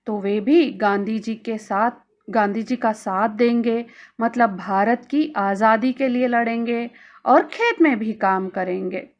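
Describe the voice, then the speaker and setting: Female teacher, slightly high voice, careful lesson delivery for kids. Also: lo-fi sound. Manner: slow, careful, addresses children directly. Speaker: Hindi teacher. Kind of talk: recorded grammar lesson for children.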